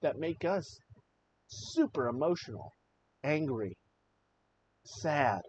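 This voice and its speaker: A man's voice: on the high side, sing-song, slow, darkish tone. A man hosting a live show, giving impassioned, emotional political commentary and swearing freely. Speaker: livestream show host. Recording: slightly dull audio with faint noise.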